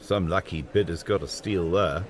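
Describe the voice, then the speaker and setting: A man's voice: deep voice, moderate pace, a loud crowd. A man narrating a light television show from a script, with playful, punning commentary. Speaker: programme narrator. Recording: loud music under voice-over.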